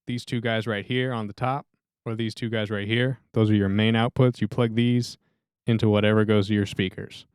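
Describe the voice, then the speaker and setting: A man with a deep voice, casually demonstrating how to use a sound mixer as a music instructor, talking through a studio microphone. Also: normal speed, smooth, no echo. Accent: American. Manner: relaxed, friendly, hands-on explaining.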